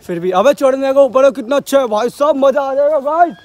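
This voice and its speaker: Breathless young man vlogging on a hill. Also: very high voice. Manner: fast, excitable, joking banter. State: out of breath while climbing. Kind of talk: casual outdoor vlog. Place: outdoors on a rocky hill. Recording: outdoor phone audio with background noise.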